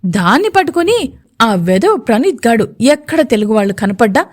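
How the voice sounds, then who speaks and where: A woman's voice: fairly high pitch, big pitch swings, normal speed. A woman voicing a teasing young male CEO. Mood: explaining. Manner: playful, teasing. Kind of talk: audio story voice acting.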